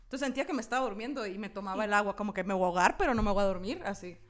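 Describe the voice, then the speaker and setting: A woman's voice: medium pitch, rapid-fire. A young woman with a Mexican accent, co-hosting a casual chat, telling stories with slang and frequent laughs. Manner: expressive storyteller, slangy, laughs often.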